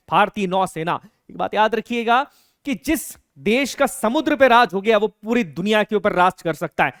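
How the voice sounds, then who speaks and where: An earnest man lectures students in an emphatic, direct way. His voice is high and smooth. The recording is dry and close. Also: fairly bright tone, no echo. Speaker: teacher. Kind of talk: educational lecture.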